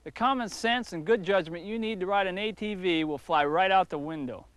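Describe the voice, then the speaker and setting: A man's voice: high voice, fairly quick, a bit bright, clean tone, no room sound. A man narrating a scripted safety lesson with firm, cautionary instructions, heard from a worn VHS tape copy. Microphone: voice-over. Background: country guitar music.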